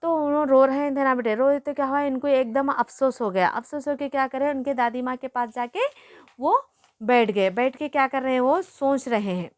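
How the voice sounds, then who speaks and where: A woman's voice: high voice, moderate pace. A woman teacher explains a story to her pupils, repeating and glossing hard words and calling them "beta" as she goes.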